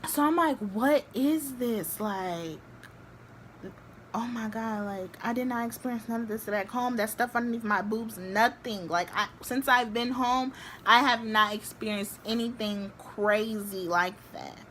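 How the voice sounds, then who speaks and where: A young woman vlogging, telling a story to the camera in a chatty, animated way with many filler likes. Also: a little high, a little slow, slight background noise. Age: young adult.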